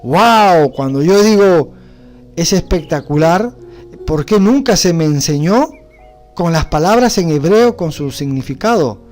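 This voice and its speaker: A man gives a religious studies lecture, walking his class through word meanings step by step and dropping frequent rhetorical checks to see that everyone follows. His voice sits somewhat high for a man, and faint music runs underneath. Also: lively intonation, unhurried, a little mellow. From Bolivia. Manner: explanatory, asks rhetorical questions with frequent "¿no?". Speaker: teacher.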